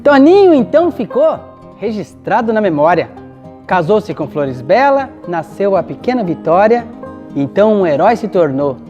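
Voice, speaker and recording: A woman's voice: medium pitch, sing-song, moderate pace, dull audio. A woman with a Brazilian accent telling a rhymed folk tale in a rhythmic, dramatic way. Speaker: storyteller. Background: soft guitar music.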